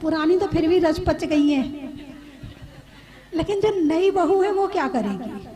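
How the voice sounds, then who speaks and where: A woman's voice: extremely high pitch, animated, measured pace, mellow, some chatter behind. A woman preacher giving a sermon to a seated audience, repeating her points and asking listeners questions. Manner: repetitive, asks the audience questions. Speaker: Jain preacher. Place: live gathering with seated audience.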